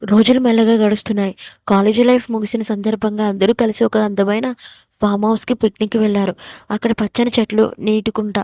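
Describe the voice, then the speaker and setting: A woman's voice: medium pitch, little pitch movement, quick pace, no room sound. A woman reading a romance story aloud, voicing the characters' quarrels in her own voice. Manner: reads every character's lines in her own voice, louder for the quarrels. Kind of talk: scripted story narration.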